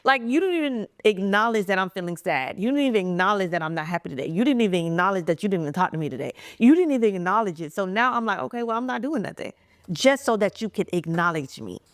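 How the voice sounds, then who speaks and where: A woman co-hosting a podcast in casual chat, animated, acting out quoted exchanges and laughing often. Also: mid-range voice, fast, few pauses, no room sound, clean studio sound. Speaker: podcast co-host.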